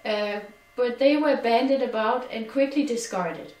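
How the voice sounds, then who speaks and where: A woman's voice: a little high, measured pace, darkish tone. Danish woman, earnest, echoey and distant. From Denmark. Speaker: personal testimony speaker. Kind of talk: personal testimony. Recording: echoey room, distant from mic.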